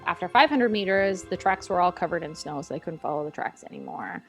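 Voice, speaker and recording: A woman's voice: lowish voice, expressive, fast talker. A young woman co-hosting a podcast, telling a story in a playful, chatty way with jokey asides. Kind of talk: casual storytelling chat. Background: soft background music.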